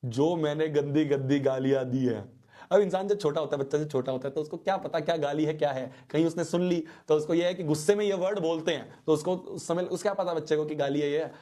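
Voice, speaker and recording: A young male teacher tells a childhood story to his students. His voice sits a little high, and he keeps it lively and playful, often turning to the audience for a reaction. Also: fast, few pauses.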